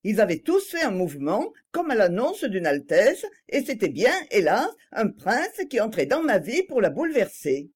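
A woman's voice: medium pitch, very animated, normal speed, hardly any pauses, a little mellow, slightly rough. A woman narrating a novel in the first person, reading expressively as scripted audiobook narration.

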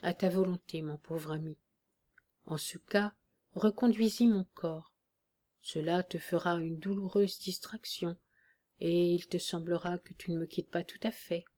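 A dying old soldier, calm and firm even at the end, as a woman reader speaks him. The voice is low and hushed, and the lines unfold very slowly, with a quiet wry edge. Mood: weary, tender. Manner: weak, hushed, steady.

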